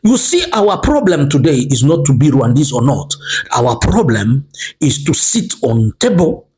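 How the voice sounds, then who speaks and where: A man's voice: medium pitch, big pitch swings, unhurried, a little mellow. Guy preaching politics, fired up, repeats himself a lot, voice jumps all over. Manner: emphatic, repetitive, switches between French and English. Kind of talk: impassioned political monologue.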